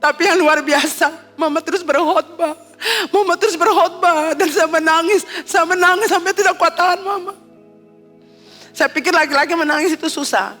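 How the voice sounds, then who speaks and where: A middle-aged woman pastor with an Ambonese Malay accent delivers an emotional sermon, her voice high and bright. She leans on repetition and fervour. The sound carries the long reverb of a church hall, with soft music under it. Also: normal speed. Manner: fervent, emotional, repeats phrases.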